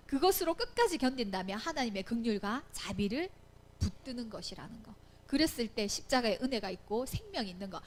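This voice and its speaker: A woman teaching a Bible lesson to children, acting out quoted lines and often checking "right?" with her listeners. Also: on the high side. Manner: animated, acts out quoted voices, asks "right?" often. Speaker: Sunday school teacher.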